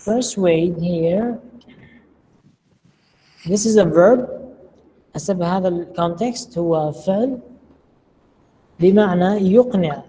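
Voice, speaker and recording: A patient lecturer talks slowly and deliberately in a mellow, soft-edged voice. The speaker pauses to put questions to the class. The voice carries a long reverb through a large room, with faint noise behind it. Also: mid-range voice. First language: Arabic. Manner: patient, slow and deliberate, quizzing students. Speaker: English lecturer.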